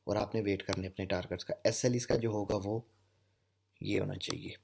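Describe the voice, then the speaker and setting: With a fairly low, creaky, slightly mellow voice, fairly even in intonation and at normal speed with a little hiss or hum, a man from Pakistan teaches candlestick patterns over a screen recording. As a trading instructor he walks through each step, frequently saying "okay" and "theek hai."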